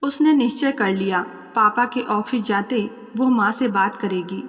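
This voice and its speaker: A woman's voice: mid-range voice, unhurried. Woman narrating a story, long reverb.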